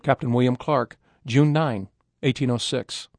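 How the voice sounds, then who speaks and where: An army captain of the early 1800s reads out his expedition journal, acted by a man for a radio documentary. The voice is middle-pitched and scripted, in a very dry recording. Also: steady tone, unhurried, a little mellow, no echo, natural voice. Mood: measured.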